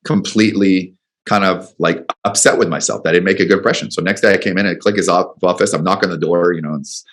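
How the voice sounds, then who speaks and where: Very low-voiced man telling a story. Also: quick pace. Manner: rambling, animated storytelling with acted quotes. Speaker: business coach guest. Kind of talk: radio interview storytelling.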